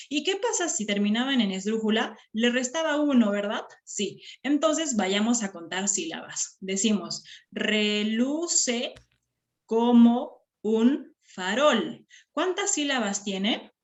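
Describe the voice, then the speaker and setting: A woman teacher giving a classroom lesson, patiently counting syllables aloud and checking in with students after each point. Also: medium pitch. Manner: patient, checks understanding with frequent "¿ya?". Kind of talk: classroom lesson on poetry metre.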